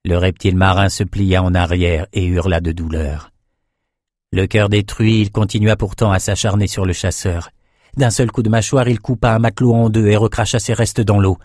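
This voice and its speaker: Reading a fantasy adventure aloud from a script, this male audiobook narrator keeps a low, level, measured delivery. The pace stays steady and controlled throughout. Recorded close and dry, the audio carries no trace of the room.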